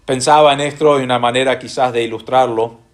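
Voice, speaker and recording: A man with an Argentine accent preaching a sermon as pastor, earnestly slowing down to stress key phrases and putting rhetorical questions to the congregation. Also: mid-range voice, fairly even intonation. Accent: Argentine Spanish.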